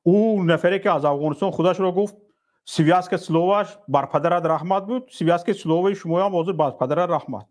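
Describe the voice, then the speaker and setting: A man's voice: sits high, a little mellow. A man hosting a call-in talk show who speaks sternly and rebukes his critics.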